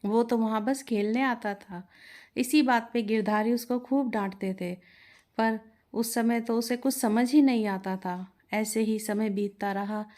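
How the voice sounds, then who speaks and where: A woman's voice: fairly high pitch, fairly even intonation, a little slow, a little mellow. A woman reading a moral storybook tale aloud as narrator, voicing each character in the dialogue herself.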